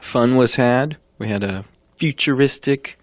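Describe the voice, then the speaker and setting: Male radio co-host, mid-pitched, wisecracking and teasing, dry studio read. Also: a little slow, dry recording. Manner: joking, teasing banter. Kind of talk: casual radio chat.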